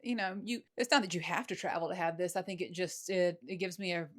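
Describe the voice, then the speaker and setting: A woman's voice: lowish voice, steady tone, fast. A woman with a Southern accent, a podcast guest, talking in a reflective, hesitant way with many fillers. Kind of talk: casual conversation.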